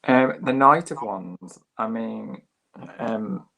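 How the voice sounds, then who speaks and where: A man's voice: lowish voice, slow pace, vocal fry, pushed and bright. A man co-hosting a casual live-stream chat over a video call, giggling often and apologizing. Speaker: tarot deck reviewer, co-host.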